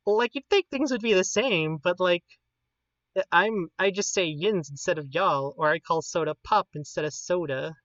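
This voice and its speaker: Pittsburgh accent lady streamer, rambly casual chat, pitch all over the place, bit muffled dry audio. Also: no echo. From Pittsburgh, United States. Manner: animated, informal, rambling. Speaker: livestreamer teaching an informal class.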